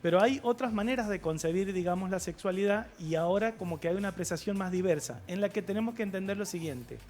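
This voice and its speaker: A man, a guest sexologist on a TV talk show, explaining things in a measured way with filler pauses. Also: high voice, expressive, darkish tone, soft background music. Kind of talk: TV studio interview. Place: TV studio.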